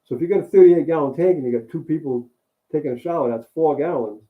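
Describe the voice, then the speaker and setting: A man's voice: a little high, quick pace. A man co-hosting a casual chat, talking in an easygoing, rambling way and often repeating himself. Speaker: co-host and mechanic. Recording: tinny phone-like sound.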